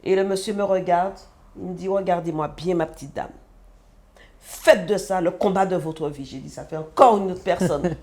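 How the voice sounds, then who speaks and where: A woman from the French Antilles, a mother, telling her personal story as a guest in an animated way and acting out the dialogue. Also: fairly low pitch, normal speed. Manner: animated, acts out quoted dialogue. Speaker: guest, mother of a sick child.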